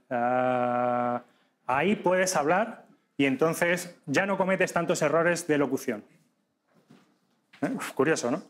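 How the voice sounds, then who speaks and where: A man teaching a live podcasting workshop to an audience, lively and demonstrative, often checking in with quick questions. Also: fairly high pitch. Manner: lively, demonstrative, addresses audience directly with frequent tag questions.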